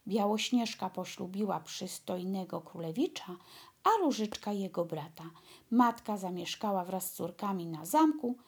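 A woman narrating a fairy tale in a calm, measured storytelling voice. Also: medium pitch, husky.

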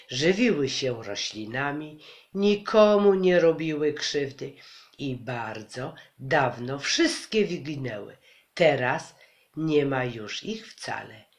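A man reading aloud and voicing an earnest nature teacher who explains things to a crowd. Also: a little high.

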